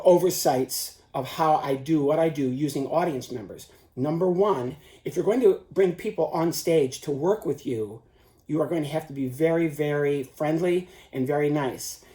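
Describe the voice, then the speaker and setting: A man's voice: on the high side, dark tone. A man giving an informal instructional talk as a performer, stressing his points with emphatic repetition. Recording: roomy, echoing sound.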